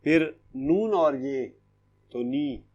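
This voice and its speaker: A man teaching a primary school Urdu writing lesson in an online class, slow and patient, repeating each step and checking that the children follow. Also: mid-range voice, lively intonation, a little mellow, husky, dull audio. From Pakistan.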